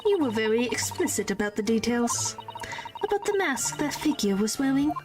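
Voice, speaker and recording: Streamer girl doing a calm careful lady witness, highish voice, game music playing. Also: moderate pace, recorded from a distance. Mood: firm. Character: composed female witness at trial.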